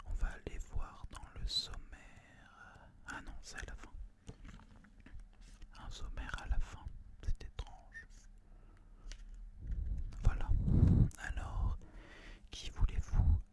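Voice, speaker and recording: This is an ASMR host, a young Frenchman, speaking in a breathy whisper. Recording inside a small student apartment, he stays soothing and deliberate, murmuring phrases again and again.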